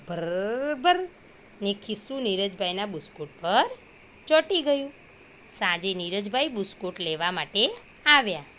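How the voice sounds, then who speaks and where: A woman's voice: medium pitch, a bit bright, slight background noise. A woman teacher reading a story aloud to young children and explaining hard words simply.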